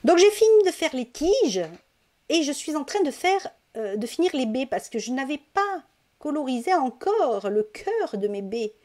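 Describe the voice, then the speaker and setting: A woman's voice: high-pitched, sing-song, moderate pace, darkish tone. Female craft tutorial host, casual and chatty, hesitant with frequent fillers, close desk-mic sound. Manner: chatty, hesitant, many fillers and self-corrections. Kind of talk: casual step-by-step craft demonstration.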